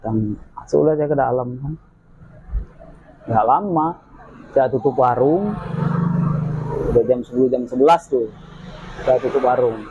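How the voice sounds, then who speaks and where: A man's voice: medium pitch, measured pace, pauses often. A man as a guest, telling a spooky story from his own life in casual chat and acting out the voices of the people in it. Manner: lively retelling, acts out quoted voices. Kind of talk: casual spoken ghost story. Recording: dull lo-fi with faint noise.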